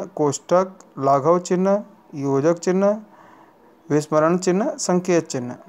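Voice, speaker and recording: A male teacher giving a grammar lesson in a slow, unhurried delivery. His voice sits a little higher than most men's. He is deliberate and often repeats or corrects a phrase before moving on. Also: darkish tone.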